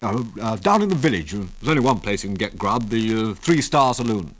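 A man's voice: fairly low pitch, lively intonation, a little fast, lightly acted. A man doing a hesitant caretaker. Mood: offhand. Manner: hesitant, with uh fillers.

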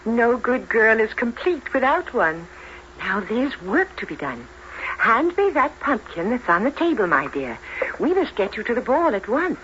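Theatrical, magician-like high-voiced fairy godmother. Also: sing-song, measured pace, fairly bright tone. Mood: brisk, kindly. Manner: theatrical magician, grandly incanting and exclaiming. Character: kindly absent-minded fairy godmother casting spells. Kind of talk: children's fairy-tale audio drama acting. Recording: dull lo-fi recording with faint noise.

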